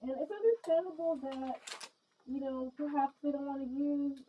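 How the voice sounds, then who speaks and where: Muffled woman vlogger talking through a gas mask, high and chatty, rambling with lots of ums, dull lo-fi audio with a faint hiss. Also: steady tone, moderate pace. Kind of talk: casual vlog chat.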